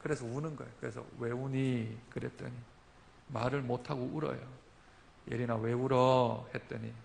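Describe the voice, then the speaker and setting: A middle-aged man preaching a sermon as a pastor. He moves between quiet, low storytelling and loud, rising exhortation. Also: steady tone, moderate pace, creaky, slight background noise. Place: church sanctuary.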